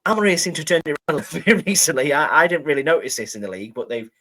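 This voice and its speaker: A man hosting a casual football podcast, relaxed and rambling. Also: fairly high pitch, racing, low-quality recording. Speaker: podcast host.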